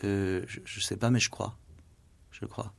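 This male writer and translator, interviewed on the radio in a studio, has a lowish, level voice with vocal fry and a slightly slow pace. He muses on literary topics hesitantly, with fillers, stammered restarts and soft asides that fade almost to a whisper.

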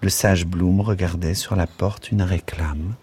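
Deep-voiced man reading literature aloud. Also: measured pace, breathy edge. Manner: expressive, rhythmic, lingering over words. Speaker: narrator. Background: soft music.

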